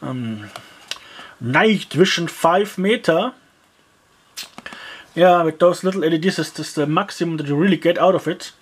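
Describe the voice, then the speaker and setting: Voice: medium pitch, measured pace, long pauses, slightly rough. A person taking apart and reviewing a cheap gadget in casual, rambling commentary, full of fillers and grumbling asides. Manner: frequent fillers like yeah and uh. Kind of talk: casual product teardown commentary.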